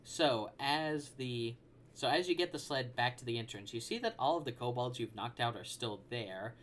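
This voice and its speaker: Man, game master, tabletop game narration, relaxed, halting, mid-pitched voice. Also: noisy background. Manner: relaxed, hesitant narration with fillers and restarts.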